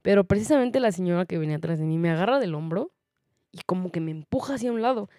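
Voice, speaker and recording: A woman's voice: lowish voice, animated, fast, warm tone, no echo, studio quality. A young woman with a Mexican accent telling a personal story in a chatty way, often laughing and using many fillers. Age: young adult. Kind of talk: casual storytelling monologue.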